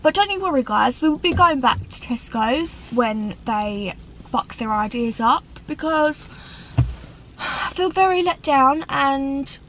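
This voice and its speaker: A woman, chatting to camera from a parked car, animated and gesturing, with dramatic sighs. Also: sits high, unhurried, a little hiss or hum, low-quality recording. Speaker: vlogger. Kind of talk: casual chat to camera. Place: parked car on a rainy day. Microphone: camera on the dashboard.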